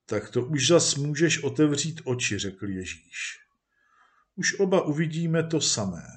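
A man voicing a calm, kindly teacher who gently encourages and reassures. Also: on the high side.

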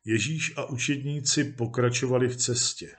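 Male storyteller, measured and expressive read-aloud, mid-pitched voice. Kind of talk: storybook reading.

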